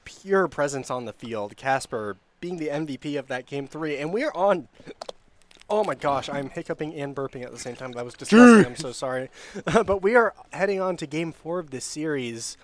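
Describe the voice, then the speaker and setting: A man giving casual live color commentary on an esports match, chatty and quick to laugh. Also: a little high. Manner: chatty, laughs often, gets loud on big plays.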